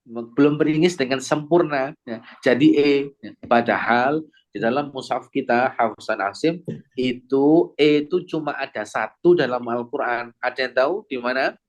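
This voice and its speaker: Male recitation teacher from Indonesia, classroom lesson, quizzes students, slows right down to model each sound. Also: medium pitch. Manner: demonstrates sounds slowly, drawn-out recited examples; asks the class questions. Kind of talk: classroom lesson with audience replies.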